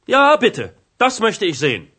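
A man's voice: high-pitched, huge pitch swings, unhurried, bright, forceful tone, slightly rough, exaggerated voice. A man voicing an angry, indignant hotel guest in a language-learning radio drama. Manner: indignant, agitated.

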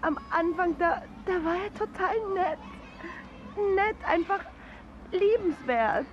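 Distraught young woman, high animated voice, wistful, audio drama, muffled recording. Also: slow pace, a little hiss or hum, exaggerated voice.

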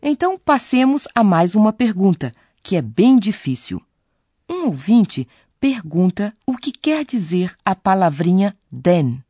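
A woman's voice: medium pitch, very animated, a little slow, dark tone, no echo. A woman co-presenting a scripted radio lesson, posing listeners' questions to the teacher in a conversational way. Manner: inquisitive, conversational.

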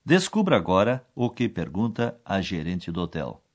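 A man with a lowish, lively voice narrates a language lesson. He sets up each scene and then says the target words slowly and clearly. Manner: explains each phrase, then quotes the foreign words. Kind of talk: scripted narration.

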